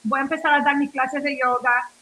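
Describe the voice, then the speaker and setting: A high, bright, forceful female voice, slightly fast and fairly even in intonation, heard on a rough recording with slight background noise. The speaker is a Nuyorican from New York with Puerto Rican family, casually telling her story on a radio interview in wandering Spanish that mixes in English, fillers and restarts.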